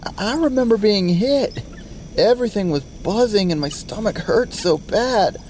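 Bewildered female ghost played by an actress, distraught and halting, mid-pitched, audio drama, faint noise behind. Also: lively intonation, a little mellow, lightly acted. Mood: shaken. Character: frightened, bewildered ghost of a bombing victim.

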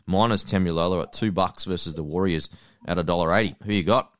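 An Australian man hosting a casual sports podcast, chatty and relaxed as he runs through the segments. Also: sits low, fast talker. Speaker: podcast host. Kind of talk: casual sports fantasy chat.

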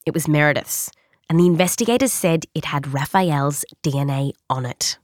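A woman's voice: deep voice, normal speed, no echo, studio quality. A woman with an Australian accent narrating a scripted science documentary in a conversational storytelling way, leaning on key words. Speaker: host and narrator.

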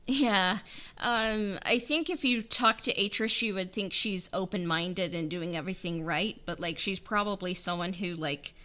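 Being interviewed in a casual behind-the-scenes chat, the writer and director of a fan audio drama rambles hesitantly about creative work, constantly saying "like" and "you know." She has a lowish, sharp-toned voice and an unhurried pace.

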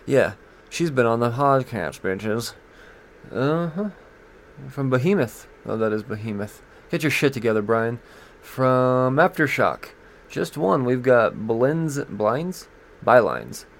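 A man's voice: mid-range voice, very animated, takes it slowly, creaky. A man hosting a comics podcast, going over new releases in casual, profane, joking talk and stumbling as he reads blurbs aloud.

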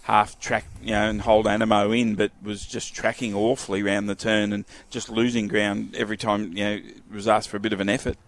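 A man's voice: fairly low pitch, little pitch movement, brisk, few pauses. An Australian man giving casual sports commentary as a radio panellist.

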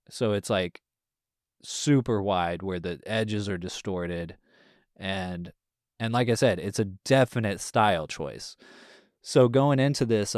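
Man, lowish voice, casual podcast film chat, rambling, lots of fillers, trailing off, dry close sound. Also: a little mellow, no room sound. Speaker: podcast co-host.

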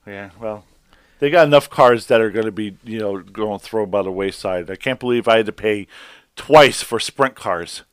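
A man's voice: lowish voice, moderate pace, no room sound, studio quality. A man co-hosting a racing podcast, chatting casually and ranting with swears. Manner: animated ranting, swears freely. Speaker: podcast co-host. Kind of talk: casual chat.

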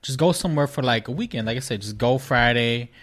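A man's voice: medium pitch, expressive, quick pace, a bit bright. A man, chatting casually in an upbeat, slangy, encouraging way. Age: late 20s. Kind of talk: casual chat.

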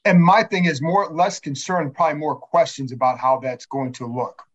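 A man's voice: a little high, steady tone, moderate pace, dull audio. A man hosting a casual sports discussion, posing questions and often cutting into his own sentences. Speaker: podcast host.

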